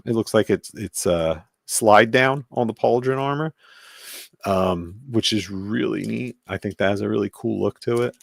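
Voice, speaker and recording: A man with a very low voice hosts a casual live-stream toy review, rambling and thinking aloud as he handles a figure. The sound is dry and close, with no room around it. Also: vocal fry, no echo. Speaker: toy collector host.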